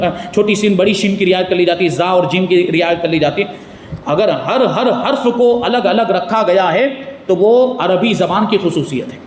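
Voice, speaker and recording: A man's voice: very high-pitched, a little hiss or hum. A man teaching a religious lecture in a mosque, explaining points and putting rhetorical questions to his listeners. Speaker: mufti teaching Quran commentary. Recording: echoey hall with faint ambience.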